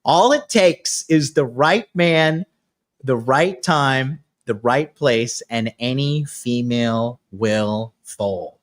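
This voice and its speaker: A man in his late thirties hosts a casual podcast chat, speaking at a slow pace with a medium-pitched voice. He comes across as brash, crude, and boastful.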